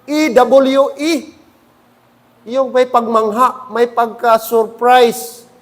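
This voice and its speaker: A man's voice: very high voice, fairly even intonation, extremely slow. A man preaching a sermon in church, often asking the congregation "Amen?". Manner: preaching with frequent calls for "Amen?". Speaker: pastor.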